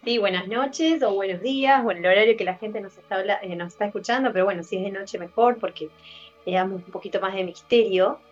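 A woman's voice: medium pitch, fast, lo-fi sound, soft background music. Chatty woman co-host. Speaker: podcast co-host. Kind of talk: casual interview.

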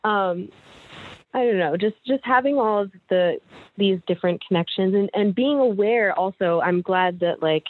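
A young woman, guest in a casual interview chat, rambles hesitantly and restarts often. Her mid-range voice moves at normal speed, with no room sound, over a dry, tinny, phone-like line.

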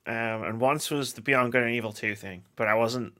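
Bright, tense-toned podcast co-host who laughs a lot and swears casually. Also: medium pitch, moderate pace. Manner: laughs often, swears, animated storytelling.

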